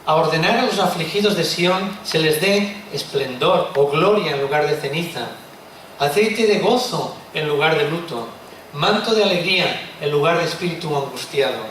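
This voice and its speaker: Man, expressive preacher, a bit high-pitched, recorded far off with faint noise. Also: normal speed, heavy reverb. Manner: expressive, rhetorical questions, tag words like "¿eh?". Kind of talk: sermon. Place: church hall.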